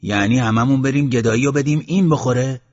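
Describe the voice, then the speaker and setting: A man's voice: medium pitch, pitched above the performer's own voice, close to an everyday voice. A man voicing an irritable, exasperated male villager, on a dull lo-fi audiobook recording.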